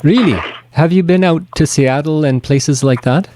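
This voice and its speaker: A man's voice: fairly high pitch, normal speed, dark tone, a little hiss or hum. A man from Tanzania hosting a radio interview, talking in a rambling, chatty way with many restarts. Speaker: radio host. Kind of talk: casual interview chat.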